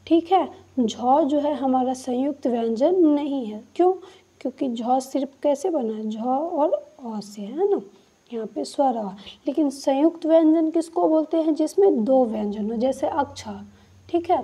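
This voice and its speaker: A woman's voice: high-pitched, normal speed, dark tone. A woman teaching an exam-prep grammar lesson, explaining step by step and asking and answering her own questions. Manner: repeats "है ना" and "ठीक है" often.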